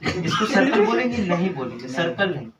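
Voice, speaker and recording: A man's voice: sits high, very animated, fairly quick, distant mic, background noise. A male tutor teaching a live class, asking questions and repeating the answers. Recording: echoey room, recorded from afar.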